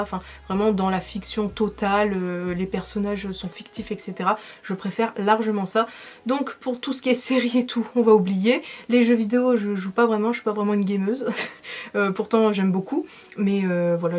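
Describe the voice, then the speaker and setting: A woman's voice: mid-range voice, a little mellow. A young woman with a French accent, a makeup vlogger chatting casually to camera as she answers viewer questions, enthusiastic and full of fillers.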